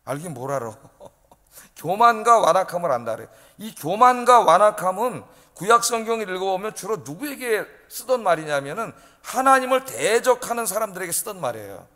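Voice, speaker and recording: Guy preaching a sermon, kinda high voice, keeps throwing questions at the crowd, big church echo. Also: big pitch swings, fairly quick, pushed and bright. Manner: emphatic preaching, often prodding the congregation with rhetorical questions. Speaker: pastor. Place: church sanctuary.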